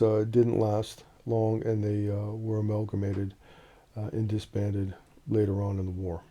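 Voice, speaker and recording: Hesitant man with a very dark voice. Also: medium pitch. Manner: relaxed, hesitant, many "uh" fillers. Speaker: badge collector presenting a video series. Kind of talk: casual show-and-tell explanation.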